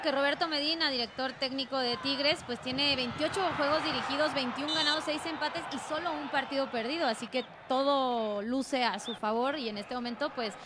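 A woman giving conversational match analysis as a football commentator. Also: sits high. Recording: clear stadium noise behind voice.

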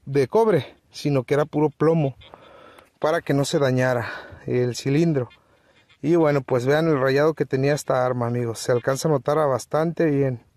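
Searching open countryside for old relics, a treasure-hunting vlogger chats casually to viewers and often refers to them as friends. His mid-range voice is a little mellow, and the recording has no echo.

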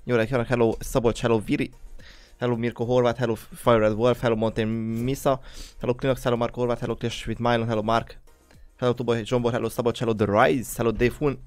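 A man's voice: mid-range voice, flat delivery, darkish tone, no room sound, soft background music. A young man hosting a game livestream, just woken up, greeting viewers one by one in casual chat. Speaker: livestream host.

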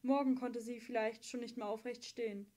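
Woman narrator for an audiobook; higher, mellow voice, steady and measured. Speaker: audiobook reader.

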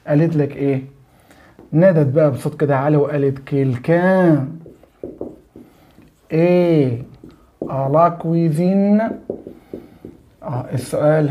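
A male French teacher with an Egyptian Arabic accent and a slightly high voice explains a grammar lesson, the recording's highs cut off. He often checks that the student is keeping up and spells out examples slowly.

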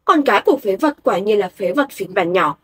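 A woman voicing a scornful, arrogant young woman disciple, sneering, husky. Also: medium pitch, lively intonation, a little fast, a bit bright.

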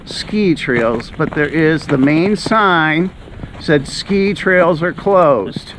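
A middle-aged man hosts a casual walking vlog, chatting as he hikes a snowy woodland trail, and the outdoor recording is noisy with his footsteps on the snow. His voice is on the high side and fairly bright, with lively intonation, and he speaks extremely slowly.

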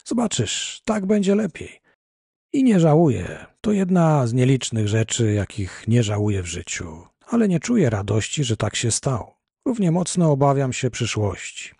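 A man reading a literary audiobook in the first person, measured and reflective, on a close, dry mic. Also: medium pitch, very animated, gravelly, mellow, breathy edge, no echo. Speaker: audiobook reader.

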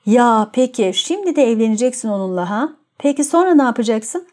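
A woman reading as a gentle, horrified young prince. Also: a little high, expressive, fairly quick, close to an everyday voice. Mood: alarmed. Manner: shocked, anxious questions.

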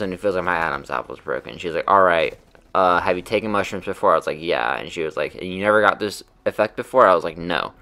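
A young man with a low-pitched but bright, forward voice tells a personal story. He rambles loosely, leaning on fillers and curse words as he goes. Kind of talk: casual storytelling.

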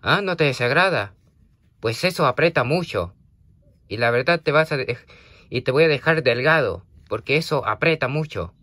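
A man's voice: mid-range voice, animated, normal speed, pushed and bright, no echo. Hesitant man rambling, dry sound. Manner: hesitant, full of fillers and restarts, scolding then apologetic. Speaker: vlogger talking to a toy creeper. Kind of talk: rambling casual monologue.

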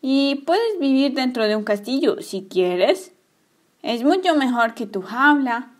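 A woman voicing Emma, a kind, secretive young girl, coaxing her pet gently in a toy story play. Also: high voice, big pitch swings, slow, heavily acted. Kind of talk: playing with toy figures.

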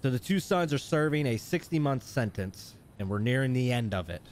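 Man, mid-pitched, casual, chatty, laughs often, live stream host. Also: lively intonation, fairly quick, a little hiss or hum. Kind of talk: live stream chat and roleplay commentary.

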